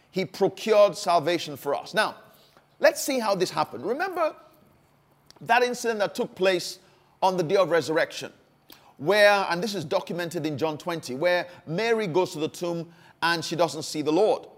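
A man preaching a sermon, stressing phrases by repeating them, with frequent fillers and restarts. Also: high voice.

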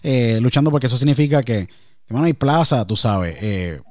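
This man, from Puerto Rico with a Puerto Rican Spanish accent, talks at length in a casual interview, talkative and emphatic, repeatedly asking "me entiendes" to check the listener follows. His mid-range voice is expressive, a little fast and darkish, recorded in studio quality with no echo.

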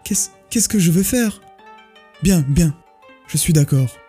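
A man's voice: fairly high pitch, expressive, moderate pace, warm tone, slightly rough, soft background music. A man doing a tearful, frightened rich old man. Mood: fearful, pleading. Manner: pleading, stammering.

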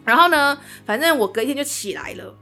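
Woman, Taiwanese Mandarin accent, podcast co-host, animated storytelling, fairly high voice. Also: fast, faint music behind. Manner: animated, acts out quoted dialogue. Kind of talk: casual ghost-story telling.

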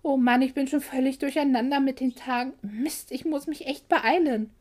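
An excitable, scatterbrained young woman, lively and a bit flustered , as the woman reading aloud gives her lines. The voice is fairly high yet mellow, as in a romance audiobook. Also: moderate pace.

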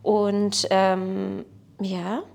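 A Portuguese woman in her thirties, a native speaker, is a talkative, self-mocking podcast guest in a casual interview. Her voice is medium-pitched, monotone, creaky, and darkish, with drawn-out words.

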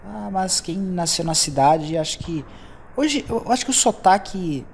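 A man's voice: high voice, lively intonation, measured pace, creaky, slight background noise. Rambling Brazilian man, casual solo podcast. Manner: rambling, loose and chatty, drifting between topics. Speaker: podcast host.

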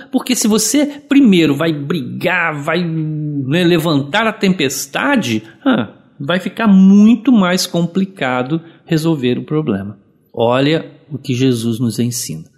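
A man preaching a broadcast sermon, lively and conversational, acting out quotes and everyday examples. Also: medium pitch. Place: broadcast to listeners.

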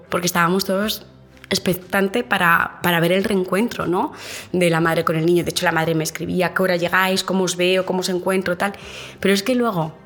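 Woman tour guide spinning travel stories, lively, acts out all the back and forth. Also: fairly low pitch. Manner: animated storyteller, acts out dialogue with many restarts. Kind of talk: interview, telling anecdotes.

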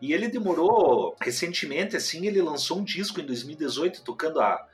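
A man's voice: a little high, animated, a little fast. A man, co-hosting a casual chat about classical music and explaining things eagerly, with many fillers and restarts. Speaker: co-host.

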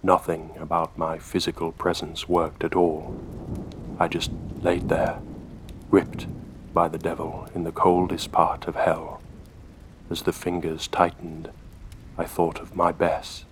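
A man hosting a horror story podcast, narrating a scripted tale in a measured, hushed way. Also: sits low, completely flat delivery, slight background noise. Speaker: host and storyteller.

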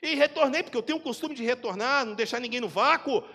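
A male pastor with a Brazilian Portuguese accent, preaching and telling a story in a church, moving between loud bursts and hushed asides. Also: extremely high pitch, fast talker, slightly rough. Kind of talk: storytelling sermon. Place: church hall. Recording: long church hall reverb.

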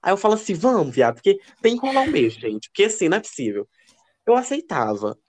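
A man co-hosting a podcast, telling gossipy stories in a casual, animated way. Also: quick pace. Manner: expressive, lively pitch. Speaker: podcast co-host. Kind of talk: casual chat.

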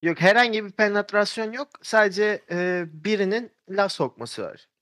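A man's voice: high-pitched, animated, normal speed, a bit bright. A man telling a story in a casual podcast chat, rambling with fillers and restarts.

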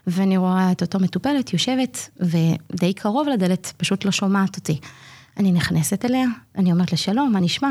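A woman in her forties, a community nurse, telling a personal story in an interview, acting out what people said and pausing often to hesitate. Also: mid-range voice. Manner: earnest, animated retelling that acts out quoted dialogue; frequent hesitation fillers. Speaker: community child-health nurse.

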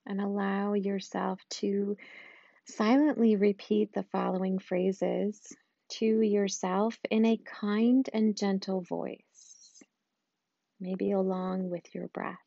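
A woman guiding a loving-kindness meditation in a slow, soft and soothing way, with long pauses. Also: medium pitch, steady tone, creaky, no room sound, dull audio. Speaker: meditation guide.

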